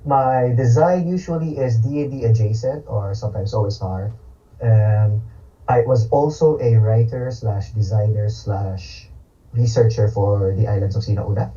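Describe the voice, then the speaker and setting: A man from Manila, a game designer, introducing himself in a relaxed, wry way. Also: medium pitch. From Manila, Philippines. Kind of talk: casual panel self-introduction. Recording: distant, dull lo-fi call audio.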